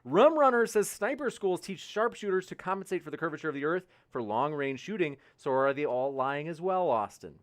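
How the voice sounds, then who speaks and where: A man's voice: on the high side, expressive, fairly quick, few pauses. A man moderating an online debate, reading out chat questions in an upbeat, chatty way. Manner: upbeat, chatty, hypes upcoming events.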